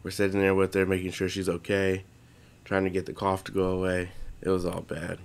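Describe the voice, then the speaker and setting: A man's voice: sits low, completely flat delivery, brisk, smooth. A young man, congested, co-hosting a podcast in casual, rambling chat full of swearing and restarts. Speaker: podcast co-host.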